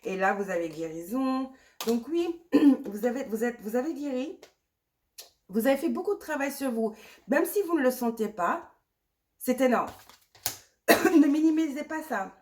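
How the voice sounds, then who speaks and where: A woman's voice: sits high, expressive, normal speed, pauses often, a little mellow, slight background noise. Woman doing a pick-a-card tarot reading with a cold and sore throat, reassuring, repeats herself a lot, throws in english words, close mic. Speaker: tarot reader.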